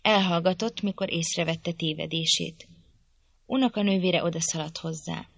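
Woman reading a novel aloud, lowish voice, dry close sound. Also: gravelly, dry recording. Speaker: audiobook narrator. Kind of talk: literary audiobook narration.

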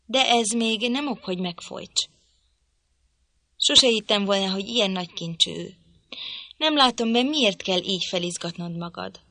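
A woman reading an audiobook, voicing a stiff, irritable gentleman, the master of the house, who speaks in a grudging, peevish way. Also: mid-range voice, no room sound. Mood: irritated.

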